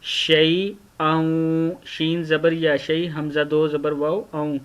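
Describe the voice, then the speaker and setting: A man with a slightly high, flat voice gives a recitation lesson, sounding out each syllable and repeating it. He speaks slowly and patiently. The recording is dull and lo-fi. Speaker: teacher.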